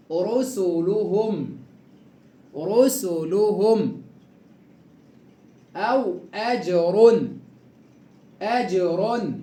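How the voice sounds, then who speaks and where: A man with an Egyptian accent teaching Quran recitation rules, stretching out example words slowly and quizzing the listener. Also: sits high, darkish tone, roomy sound. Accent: Egyptian Arabic. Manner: drawn-out slow repeating of example words, quizzing questions. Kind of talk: tajweed lesson.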